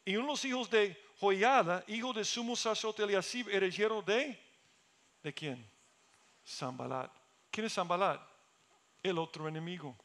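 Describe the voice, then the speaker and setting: A middle-aged man with a high, light voice preaches a sermon. He speaks earnestly and swells into emphatic, fervent peaks before settling back to calm explanation. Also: normal speed, long pauses. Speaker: pastor.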